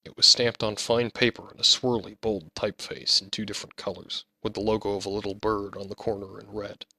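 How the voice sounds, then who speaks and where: A man reads his own fantasy novel aloud in a measured, steady storytelling manner. His voice is on the low side with a gravelly rasp and a bright edge, and the recording is dry and close. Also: dry recording. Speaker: author narrating his own audiobook. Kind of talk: scripted audiobook narration.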